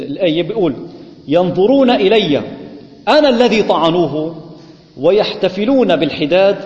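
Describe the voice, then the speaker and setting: A man, a priest teaching scripture in a Bible study sermon, asking the congregation questions and answering them himself. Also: high voice. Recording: echoey hall, muffled lo-fi sound.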